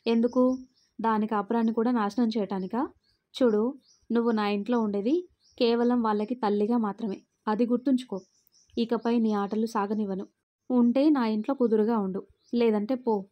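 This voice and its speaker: A woman's voice: a little high, steady tone, moderate pace, pauses often, highs cut off, close to an everyday voice. A woman doing a stern angry father. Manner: harsh, scolding.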